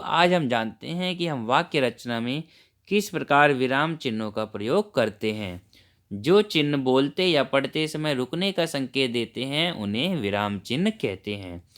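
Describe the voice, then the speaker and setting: A male teacher talks young children through a worksheet lesson, greeting them warmly and explaining each point step by step. His voice is smooth and clear, at an everyday middle pitch.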